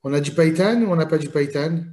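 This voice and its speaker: A man's voice: a little high, quick pace, warm tone. A young man co-hosting a casual online show, playful and bantering.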